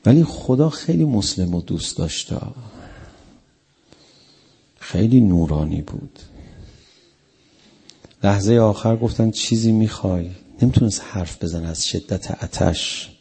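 A man's voice: lowish voice, lively intonation, vocal fry, pauses often, dark tone, slightly rough. A male preacher delivering a mourning sermon, telling the story with emotion and acting out the quotes.

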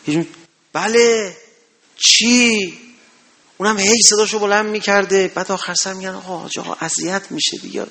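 Male preacher, high-pitched, impassioned sermon delivery with big swings between loud and low. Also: steady tone, vocal fry, few pauses. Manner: impassioned, rising to loud exhortations then dropping low. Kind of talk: religious sermon.

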